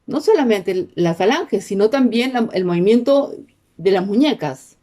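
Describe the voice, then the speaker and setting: A woman's voice: mid-range voice, animated, normal speed, mellow. A woman teaching a class, explaining step by step and checking in with her listeners through frequent questions. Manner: peppers sentences with questions to the class. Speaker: sign language teacher.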